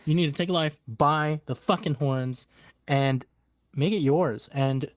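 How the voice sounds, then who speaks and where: A man's voice: on the high side, slow pace, no echo. A man in his thirties, a musician guest, talking casually in a blunt, emphatic way and swearing freely. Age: 30s. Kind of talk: casual chat. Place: virtual world voice chat.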